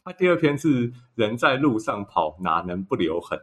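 A man's voice: mid-range voice, big pitch swings, moderate pace, a bit bright. A man with a Taiwanese Mandarin accent co-hosting a podcast, telling stories in casual chat and laughing often. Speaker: podcast co-host.

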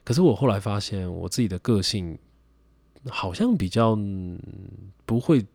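A man's voice: fairly low pitch, animated, normal speed, a little mellow, no echo, studio quality. A young man with a Taiwanese Mandarin accent hosting a solo podcast, reflective and rambling with many fillers. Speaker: podcast host. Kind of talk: casual solo podcast talk.

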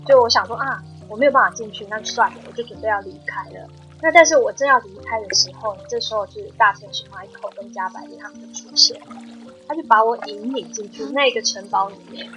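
A woman's voice: medium pitch, fast, soft background music, rough recording. A woman guest on a talk podcast, telling a personal spiritual story in an earnest, emotional way. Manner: earnest, emotional storytelling with soft-spoken quoted dialogue.

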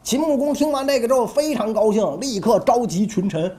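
A man's voice: very high-pitched, a little fast. A man telling history in a casual, colloquial podcast style. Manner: animated, colloquial, acts out characters. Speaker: history storyteller.

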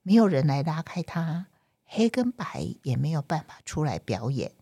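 A woman's voice: deep voice, moderate pace, breathy edge, no room sound. A mature woman with a Taiwanese accent tells a bedtime story to young children, speaking as if reading to a toddler, expressively and with little questions for them. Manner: expressive, with exclamations and sentence-final particles.

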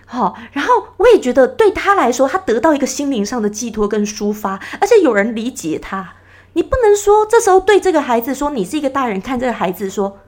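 A woman hosting her own podcast, talking in an earnest, advising way and acting out little scenes as she retells them. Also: fairly high pitch. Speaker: podcast host. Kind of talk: casual reflective monologue.

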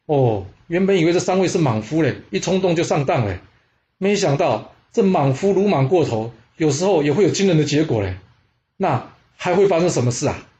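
A man's voice: on the high side, animated, a little fast, dark tone, dull audio. A man telling a historical war story dramatically, with exclamations and rhetorical questions.

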